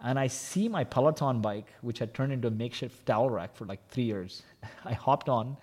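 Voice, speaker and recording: A man who is a company co-founder, a guest in an interview, telling a candid personal story in an animated way with lots of "like" and "you know". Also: medium pitch, normal speed. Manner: animated, confessional, heavy use of "like" and "you know". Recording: long hall reverb.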